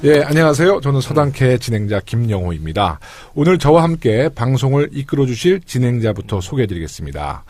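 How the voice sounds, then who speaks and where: A middle-aged man hosting a casual political talk podcast, chatty and quick in back-and-forth. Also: medium pitch, big pitch swings, a little mellow, slight background noise. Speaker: podcast host.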